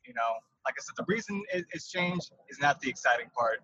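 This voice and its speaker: A man speaking as a podcast guest from inside his truck, his voice carrying a windy, tunnel-like sound. He talks haltingly and often repeats words while he thinks. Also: mid-range voice, expressive, pushed and bright. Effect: windy, tunnel-like truck-cab sound. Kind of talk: casual interview over a call. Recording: muffled windy truck-cab recording.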